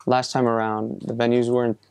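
A young Icelandic musician answers interview questions in a relaxed, hesitant manner, full of fillers and restarts. His gravelly, dark voice stays flat and even in pitch while he speaks briskly. The sound is dry and close with no room sound.

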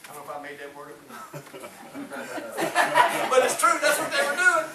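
With huge pitch swings in a very high voice at normal speed, a middle-aged man fervently preaches a Pentecostal-style sermon, calling for amens as his delivery rises and falls. The small church hall and congregation are picked up by a far camera, no mic seen, with echo and faint hiss.

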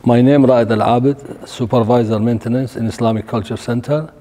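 A man's voice: medium pitch, steady tone, fairly quick, a little hiss or hum. A middle-aged man from Iraq, a maintenance supervisor, introducing himself in clipped, simple phrases. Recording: loud clicking over voice.

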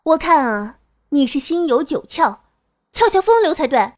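A woman's voice: high-pitched, big pitch swings, normal speed, dry recording, studio quality. A woman voicing a nineteen-year-old girl who dotes on her lover and teases him in a sweetly demanding way. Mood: teasing. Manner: teasing, clingy, sweetly demanding. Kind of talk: audio drama acting.

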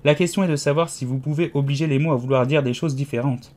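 A man's voice: medium pitch, fairly even intonation, quick pace, darkish tone, natural voice. A man reading an audiobook, voicing a pompous, condescending giant egg man who lectures haughtily. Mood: smug.

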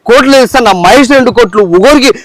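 High, rapid indignant man, dry sound. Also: a bit bright, dry recording. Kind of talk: comedy sketch acting.

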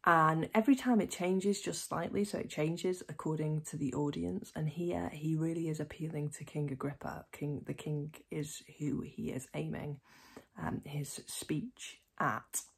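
Woman, church reader and preacher; deep, gravelly voice; measured reading, then loose, hesitant commentary. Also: steady tone. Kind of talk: scripture reading followed by informal reflection.

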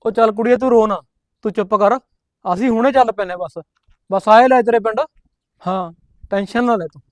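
A hot-headed young Punjabi village brother, played by a man blusters and throws out threats. His voice sits high and the words come rapid-fire. The sound is close and dry. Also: no echo, lightly acted. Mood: reassuring. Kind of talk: village comedy film acting.

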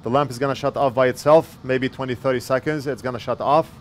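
Talking fast while he works, a man in his forties walks through an electronics repair at his indoor workbench, explaining plainly into a wired earpiece headset mic. He's a repair technician with a medium-pitched, fairly even voice, and the recording carries a little hiss or hum.

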